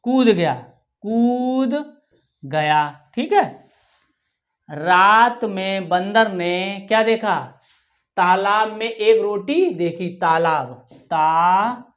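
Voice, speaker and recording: A woman teacher giving a workbook lesson to young children, saying each word slowly and then repeating it for the class to echo. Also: mid-range voice. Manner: talks children through writing tasks, often ending with "ठीक है". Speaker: primary school teacher.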